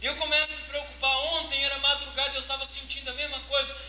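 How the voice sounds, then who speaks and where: A man preaching with fervour in a high, very bright voice that rings out, jumping from loud cries to near-whispers. His sermon echoes through a roomy church sanctuary over a faint hiss. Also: completely flat delivery, very fast. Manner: fervent, emotional preaching with sudden loud and soft swings. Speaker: pastor.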